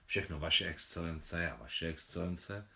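A man's voice: deep voice, gravelly, bright, forceful tone, full character voice. A man voicing a young Russian woman, an admiral's daughter, in an audiobook reading, speaking in short, blunt remarks.

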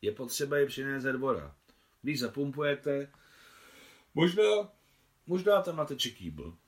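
A man voicing a stout elderly priest who speaks in a slow, measured way. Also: medium pitch, animated, pitched above the performer's own voice, natural voice. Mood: deliberate. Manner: measured, unhurried speech. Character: stout elderly male Moscow priest, deliberate.

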